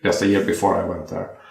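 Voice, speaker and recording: A young Swedish watchmaker, appearing as a guest in a casual interview, chats easily about his career, pausing, restarting and repeating words as he thinks. His voice is very low and gravelly. The recording echoes around a roomy home space.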